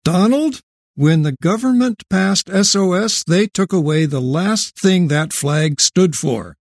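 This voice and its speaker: An actor playing a cranky, defiant old great-grandfather in an audio drama, gruff and scornful, sometimes bursting into shouts. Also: high voice, lively intonation, slow pace, dry recording, clean studio sound, heavily acted. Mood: probing, stubborn. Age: older.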